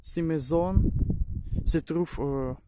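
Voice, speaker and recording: A man from Ukraine with a Ukrainian accent vlogs outdoors, speaking halting, broken French with grammar slips. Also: on the high side. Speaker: amateur vlogger. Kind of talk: outdoor travel vlog to camera. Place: outdoors near a city. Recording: clearly noisy outdoor recording, loud noise.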